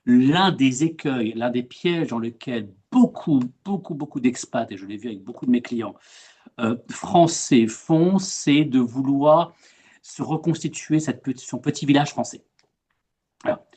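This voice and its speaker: Speaking a little slowly in a medium-pitched, breathy voice, this French-accented expat coach hosts a webinar by video call. His delivery is casual and hesitant, full of repeated words and lively stress on key points.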